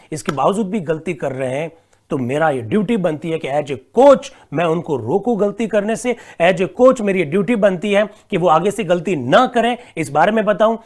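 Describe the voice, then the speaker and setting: A male coach with a fairly high voice teaches a live online exam-prep class. He is animated and talks straight to his students. He reads their comments aloud and answers each one, then drills key points by repeating them slowly.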